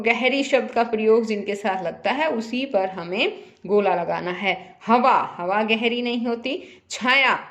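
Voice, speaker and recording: A woman teacher walks children through a primary-school lesson at an unhurried pace. Her voice sits a little high. She repeats each example and keeps putting simple questions to her pupils. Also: fairly bright tone.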